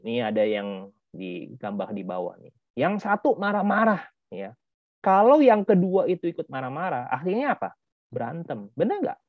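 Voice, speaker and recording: A man's voice: on the high side, no echo. A man teaching a children's Sunday school class, his voice swooping up and down as he acts out grumpy friends and fires questions at the kids. The sound is dry and a little dull, like lo-fi video call audio. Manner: lively, acts out angry kids' quotes, asks questions.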